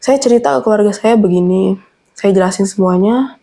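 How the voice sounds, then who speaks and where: A woman's voice: medium pitch, fairly quick, mellow. A young adult woman telling a personal horror story in an earnest, anxious way. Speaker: guest storyteller.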